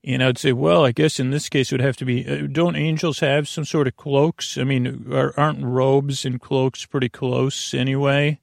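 Telling bedtime stories on a sleep podcast, a man mumbles in a creaky voice through a halting monologue that meanders and digresses. His mid-range voice keeps a level tone, captured as clean studio sound with no room sound.

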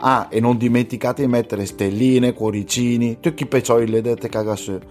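A man's voice: medium pitch, steady tone, moderate pace, darkish tone, faint music behind. A man with a Lombard accent from northern Italy giving a casual, colloquial, jokingly resigned listener promo. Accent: Lombard, northern Italian.

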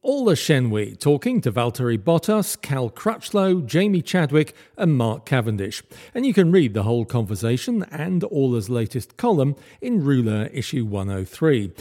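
Guy hosting a podcast, mellow voice, lots of up and down in his pitch. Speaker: podcast host. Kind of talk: scripted presenting and interviewing.

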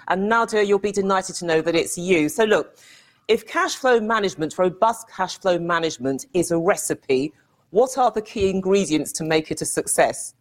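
A woman hosting a business webinar, introducing speakers with light joking asides. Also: on the low side. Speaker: host.

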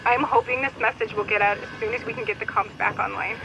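A woman playing a young mother who pilots a cargo starship, talking warmly and apologetically in a recorded message. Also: mid-range voice, steady tone, quick pace, gravelly, noisy background, lightly acted. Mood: urgent. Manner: warm and apologetic.

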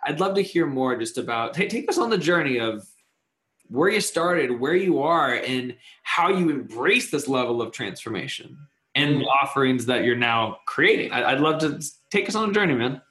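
A man hosting an interview, enthusiastic and full of halting restarts as he asks questions. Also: mid-range voice, lively intonation, fairly bright tone, reverberant. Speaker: podcast host. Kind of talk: conversational interview.

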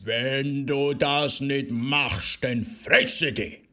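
Man doing a slow growling wolf. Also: medium pitch, lively intonation, sharp tone, heavily acted. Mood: menacing. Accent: Swiss German. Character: sly big bad wolf, rough-voiced.

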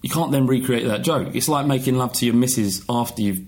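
Blunt male podcast host, medium pitch. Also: brisk, darkish tone. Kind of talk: casual bantering chat.

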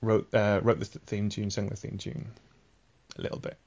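A man's voice: lowish voice, monotone, normal speed, a little mellow, muffled recording. A man hosting a casual podcast chat, patiently explaining the backstory of a comic series. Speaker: podcast host.

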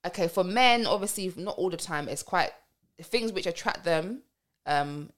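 A woman's voice: lowish voice, lively intonation, normal speed. A woman, talking through her opinions in a casual debate. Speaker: music artist.

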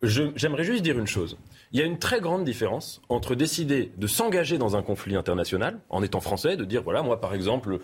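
A man of middle pitch with a husky voice lays out a long argument on a television panel. His manner is measured and essayistic, stacking one clause on the next. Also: very animated. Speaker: panel guest. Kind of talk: TV debate argument.

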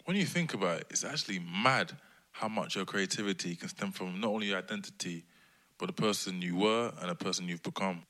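A man hosting a podcast, introducing guests with lively, effusive, slangy remarks. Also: deep voice, brisk. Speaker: podcast host.

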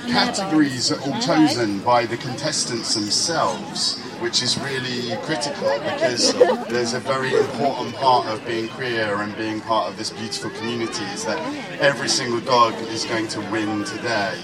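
A man's voice: medium pitch, moderate pace, few pauses, distant mic. A man presenting a show at an event, announcing in an effusive way. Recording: loud outdoor crowd noise. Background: loud crowd outdoors.

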